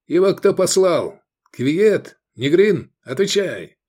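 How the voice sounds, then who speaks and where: A man's voice: high-pitched, sing-song, slow pace, warm tone, voice pushed up, exaggerated voice. A man voicing a commanding male warrior who interrogates in a curt, grumbling manner.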